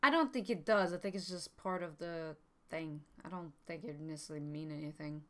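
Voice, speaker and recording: A lower-voiced woman talks casually through a board game on a live stream, thinking aloud with plenty of fillers and little laughs. She sounds relaxed and a bit scattered as she checks the rules. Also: brisk. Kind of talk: casual chat while learning a board game.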